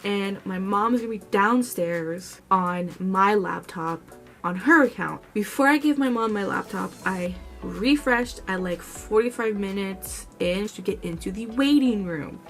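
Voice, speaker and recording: A young woman vlogger casually retelling a story to camera in a chatty, expressive way. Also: mid-range voice, a little slow, soft background music.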